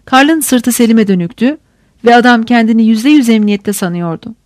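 A woman reading a crime novel aloud as an audiobook narrator, in a steady, measured storytelling manner. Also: on the high side, dry recording, clean studio sound.

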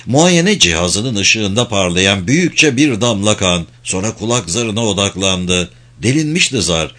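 A man reading a suspenseful novel aloud in a measured, steady narration. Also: lowish voice. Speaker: audiobook narrator. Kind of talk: scripted narration.

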